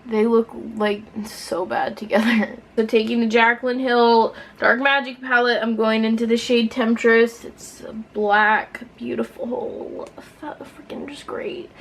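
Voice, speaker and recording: A woman's voice: on the high side, flat delivery, unhurried, hardly any pauses, a little hiss or hum. A drunk woman chatting casually through a makeup tutorial for viewers, giggly and rambling, playful and self-deprecating with some swearing. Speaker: beauty vlogger presenting a makeup tutorial.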